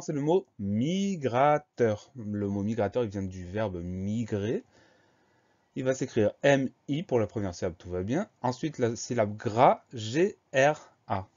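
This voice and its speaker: A man teaching a spelling lesson, explaining words slowly and spelling them out letter by letter. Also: lowish voice, darkish tone, lo-fi sound.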